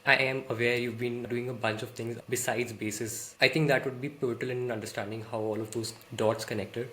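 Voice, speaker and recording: Mid-pitched male interviewer. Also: fairly even intonation, a little fast, pushed and bright, slight background noise. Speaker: interviewer, host. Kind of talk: interview questions.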